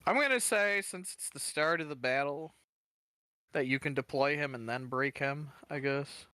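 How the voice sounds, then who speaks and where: Rules-referee guy for a tabletop stream, bright voice, casual, dry close mic. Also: fairly high pitch, normal speed, smooth, no echo. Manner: explains rules with loose restarts and dark jokes. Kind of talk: casual game-table chat.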